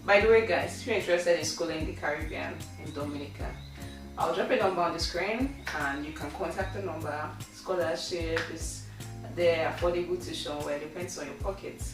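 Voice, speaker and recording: A Nigerian woman with a lowish voice hosts a casual vlog interview. She sounds set back from the microphone in a heavily echoing room. Faint music runs underneath. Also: brisk. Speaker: channel host, interviewer. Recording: very echoey room, distant mic, faint music.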